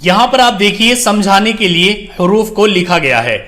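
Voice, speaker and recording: A man teaching Quran reading, drilling letters one by one in slow, drawn-out recitation. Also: high voice, expressive, bright, forceful tone. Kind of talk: recited alphabet lesson.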